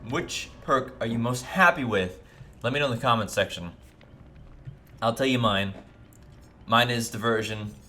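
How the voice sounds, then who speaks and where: An upbeat man chats through game tips for his viewers in a casual, friendly commentary style. His voice is bright and forceful, sitting at an ordinary middle pitch, with faint background noise behind it. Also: normal speed, long pauses. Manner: upbeat, chatty, addresses viewers as guys. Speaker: gaming video creator.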